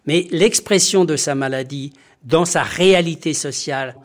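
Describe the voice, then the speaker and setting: A doctor, a man, speaks in a somewhat high register for his sex, earnest and emphatic. He pauses and hesitates often as he lays out his thoughts in an interview. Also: husky. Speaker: doctor and community health activist. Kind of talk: documentary interview testimony.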